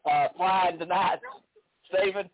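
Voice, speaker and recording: A man's voice: high-pitched, fairly even intonation, takes it slowly. A man hosting a casual interview in an informal, folksy way. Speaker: show host. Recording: narrowband phone-like sound.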